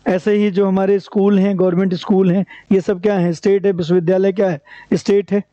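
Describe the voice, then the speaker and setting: A man's voice: sits high, flat delivery, fairly quick, warm tone, no room sound. A man teaching an exam-prep lecture, asking rhetorical questions and answering them himself in a repetitive, drilling way. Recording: dry, dull lo-fi recording.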